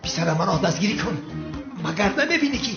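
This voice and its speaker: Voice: mid-range voice, sing-song, vocal fry. A voice actor playing a stubborn, bossy middle-aged father in a comic dub, grumbling and ordering his son around. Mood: pleading. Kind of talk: comic dubbed dialogue. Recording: echoey, dull dub with music.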